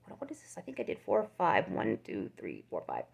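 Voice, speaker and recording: A woman's voice: low-pitched, wildly swooping pitch, brisk, vocal fry, a little mellow, breathy edge. An older woman, a crochet YouTuber, chatting casually and rambling as she shows off her work. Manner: rambling, chatty, restarts and laughs. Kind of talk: casual show-and-tell chat.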